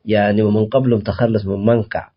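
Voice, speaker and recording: A man with a low, husky voice argues his case as a guest on a radio program, building heat as he goes. He breaks off and restarts phrases often, filling gaps with hesitations. The audio is dull and lo-fi, like a muffled broadcast. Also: flat delivery. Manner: impassioned, halting with many restarts and fillers. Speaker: political activist guest. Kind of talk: radio interview answer.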